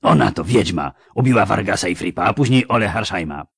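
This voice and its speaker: A man's voice: deep voice, animated, brisk, slightly rough, dry recording, studio quality, full character voice. A sneering, superstitious mercenary, acted by a male reader, talks in a raised, scornful tone. His speech is old-fashioned and rustic. He relishes grim predictions. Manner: sneering, archaic turns of speech.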